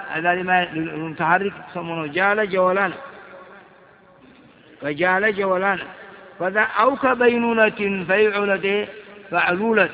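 A man teaching a grammar lesson, reciting word patterns and examples and asking his listeners questions. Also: sits high. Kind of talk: Arabic grammar lesson explaining verbal noun patterns. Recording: dull recording with long hall reverb.

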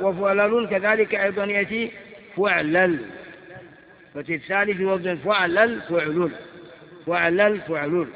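A man teaching a grammar lesson, reciting word patterns and examples and asking his listeners questions. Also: high-pitched. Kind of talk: Arabic grammar lesson explaining verbal noun patterns. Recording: dull recording with long hall reverb.

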